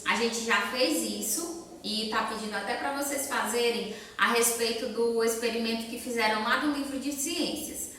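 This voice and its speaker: A woman's voice: a little high, moderate pace, pushed and bright, recorded from a distance, slight background noise. Brazilian woman teacher in echoey room. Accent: Brazilian Portuguese. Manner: patient, explains step by step and asks questions to children. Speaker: elementary school teacher. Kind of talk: recorded remote class lesson.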